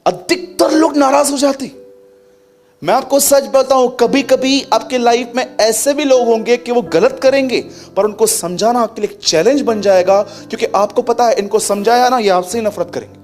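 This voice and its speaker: A male pastor preaching an animated sermon, acting out quotes as he tells stories. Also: extremely high pitch, normal speed. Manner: animated, acts out quotes and laughs. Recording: faint music behind.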